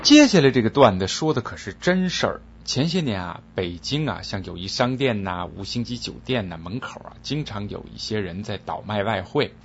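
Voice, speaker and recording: A man telling jokes in a chatty, expressive storytelling style. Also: lowish voice, moderate pace, hardly any pauses, lo-fi sound, a crowd in the background, noisy background. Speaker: joke teller, show host. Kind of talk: comic storytelling.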